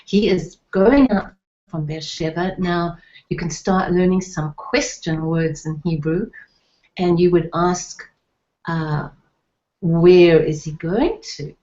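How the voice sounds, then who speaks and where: A woman's voice: fairly low pitch, slow pace, warm tone. A middle-aged woman teaching a Hebrew lesson, patiently spelling out letters and sounds. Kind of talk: slow, deliberate online lesson. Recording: dull lo-fi recording.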